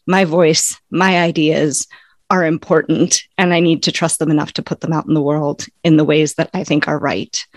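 A woman in her forties, an author and educator, answering interview questions in a thoughtful, measured way. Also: low voice, no echo. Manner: thoughtful, measured, occasional soft laughs.

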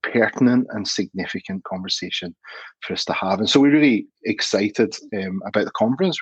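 Man, Glasgow accent, middle-aged, husky, dry close sound, slightly dull lo-fi quality. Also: lowish voice, dry recording. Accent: Scottish, Glasgow. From Scotland. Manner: conversational, restarts with fillers. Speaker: guest, association CEO. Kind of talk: podcast interview.

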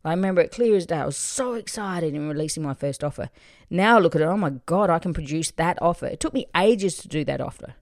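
An Australian woman hosting a motivational solo podcast, excitable and swearing casually. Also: fairly low pitch, fast talker, no room sound, studio quality. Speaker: podcast host.

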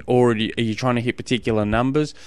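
Casual Australian man podcasting, clear dry sound. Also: medium pitch, fairly even intonation, fast talker, darkish tone, no echo. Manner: informal and colloquial, rambling and often rephrasing mid-sentence. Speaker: podcast host and endurance sports coach. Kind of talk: casual solo podcast advice talk.

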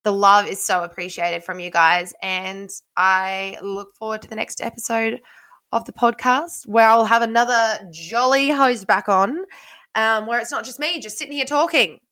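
Young aussie woman w a broad accent, chatty solo podcast, punchy bright voice, really dry recording, leans on her words. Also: fairly high pitch, fairly even intonation, normal speed, no room sound. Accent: broad Australian. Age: young adult. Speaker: podcast host and student teacher. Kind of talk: casual solo podcast chat.

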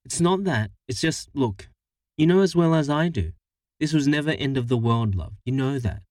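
A man's voice: medium pitch, animated, moderate pace, a little mellow, no echo, clean studio sound, far from the mic, voice pushed up, lightly acted. A man voicing an exasperated young woman who bluntly ends a long relationship, speaking with weary impatience.

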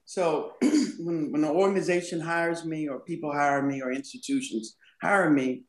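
A woman's voice: sits low, fairly even intonation, normal speed, roomy sound. A woman guest on a podcast talking about culture and communication in a thoughtful, emphatic way. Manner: thoughtful, emphatic, laughs easily. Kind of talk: podcast conversation.

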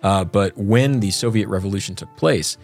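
A man's voice: lowish voice, normal speed, darkish tone, soft background music. A man co-hosting a podcast, telling a story in a chatty, joking way. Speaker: podcast co-host. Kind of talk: casual chat.

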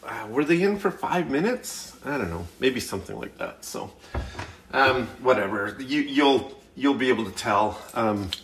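A man's voice: mid-range voice, animated, moderate pace, a bit bright, slight background noise. A man hosting a hunting and cooking show, talking casually and hesitantly in his kitchen, with plenty of fillers and restarts. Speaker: hunting and cooking podcast host. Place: home kitchen.

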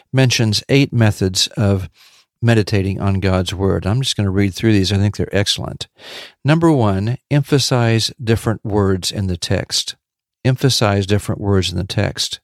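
A man with a fairly low voice gives a devotional teaching, measured and steady. He repeats his key points for emphasis, heard close and dry with no room around him. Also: no room sound. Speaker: podcast Bible teacher.

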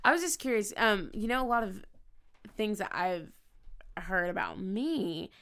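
A woman in casual, chatty conversation with a bright, forward voice full of vocal fry. She comes across as high-energy and drops "like" into her sentences often. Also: animated, a little slow.

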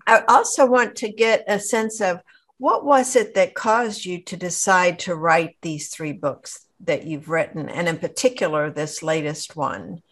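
Low-pitched woman hosting an interview. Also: a little slow. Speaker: podcast host. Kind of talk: interviewing a guest.

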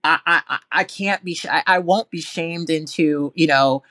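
A woman's voice: low voice, moderate pace, a bit bright, dry recording, studio quality. A woman hosting a podcast, speaking casually and emphatically, with frequent stammered restarts.

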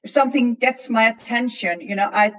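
A woman from Iceland with an Icelandic accent, a novelist chatting hesitantly as a panel guest and pausing often to find her words. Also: a little high, highs cut off, slight background noise. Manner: hesitant, many fillers and restarts while searching for words. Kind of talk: casual panel chat.

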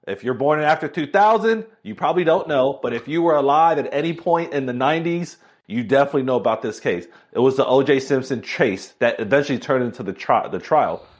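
An energetic man in his thirties from Miami tells his story as a podcast guest. He talks fast and with animated enthusiasm, in a mid-range voice. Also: medium pitch. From Miami, Florida. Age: 30s. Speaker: guest, author and speaker. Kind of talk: casual interview storytelling.

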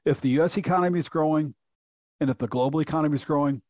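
A man's voice: a little high, racing, darkish tone, no echo, studio quality. A middle-aged man from Houston, a chief economist, explaining reports in a conversational podcast interview with frequent restarts. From Houston, Texas.

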